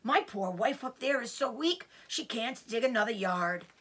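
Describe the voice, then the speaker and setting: A woman voicing a desperate, excitable male badger in a children's storybook. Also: fairly high pitch, normal speed, breathy edge. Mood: despairing.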